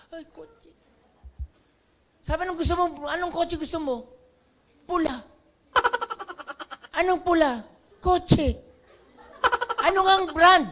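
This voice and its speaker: A middle-aged Filipino man with a Filipino accent, a company president giving a motivational seminar talk, animated and acting out dialogue with laughs. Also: very high voice. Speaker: network marketing company president.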